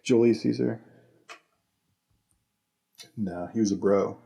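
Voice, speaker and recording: A man hosting a podcast, chatting casually and jokily, rambling with deadpan asides. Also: fairly low pitch, takes it slowly, creaky. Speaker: podcast host. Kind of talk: casual comedic chat.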